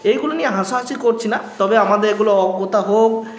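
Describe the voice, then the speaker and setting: A man's voice: high voice, a little fast. A male teacher with a Bengali accent from West Bengal, giving a grammar lesson to students and explaining with everyday examples and questions. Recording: echoey room with faint music.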